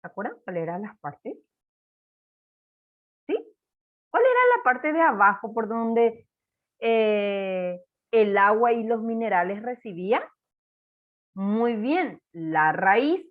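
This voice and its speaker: A woman teaching a first-grade class, slow and encouraging, spelling words out for young children. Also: a little high, big pitch swings, narrow, tinny audio. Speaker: primary school teacher.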